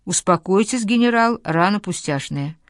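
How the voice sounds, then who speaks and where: A woman voicing a calm young male doctor who speaks in a steady, reassuring way, in a dry recording. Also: mid-range voice, moderate pace, no echo, lightly acted. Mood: soothing.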